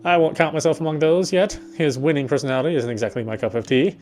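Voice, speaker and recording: A man with a fairly high voice reads a visual novel's narration aloud at a quick clip, sometimes tripping over a phrase and going back to reread it. He's a game player voicing the scripted text, with soft guitar game music playing behind him.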